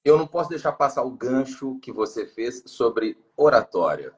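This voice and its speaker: A man from Brazil with a Brazilian Portuguese accent, a guest on a live-stream interview, speaking in a measured, articulate, explanatory way over a video call. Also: mid-range voice, big pitch swings, a little mellow, slight background noise, poor audio. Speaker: guest, former student.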